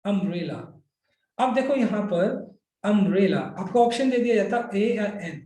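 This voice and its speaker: In this reverberant recording, an Indian-accented man with a high-pitched yet dark-toned voice explains English grammar to his students at a moderate pace, his intonation lively. He switches between Hindi and English, talks straight to the class, and checks often with "right?".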